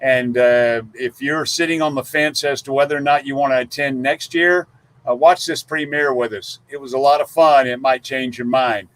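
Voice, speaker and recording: A man co-hosts a casual live stream in a mid-range, fairly bright voice, speaking at normal speed with fairly even intonation. He's folksy and chatty, rattling off viewers' guesses.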